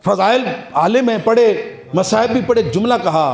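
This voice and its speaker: A man's voice: sits high, normal speed, creaky. A man preacher delivering a mourning sermon, declaiming and rising into impassioned laments. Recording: echoey hall.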